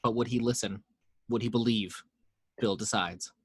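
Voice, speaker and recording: In a dry recording, a man with a husky, lowish voice reads the action description for a table read at a normal speed. He delivers the stage directions steadily and dryly, voicing the sound effects as well.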